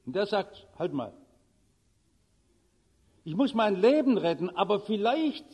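A man preaching a sermon, emphatic, with his voice swinging from soft to shouting. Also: sits high. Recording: long reverb of a large hall.

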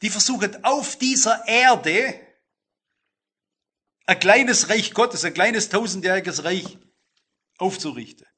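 A middle-aged man preaching a sermon, speaking straight to the congregation and slowing down to stress key phrases. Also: sits high, bright, forceful tone, breathy edge. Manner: addresses listeners directly, emphatic with slow stressed phrases.

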